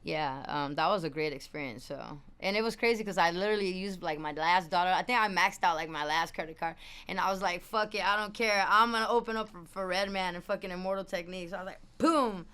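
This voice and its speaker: A young adult woman, the guest musician, chatting casually in an interview, full of slang and shout-outs. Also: lowish voice, fast, hardly any pauses, smooth.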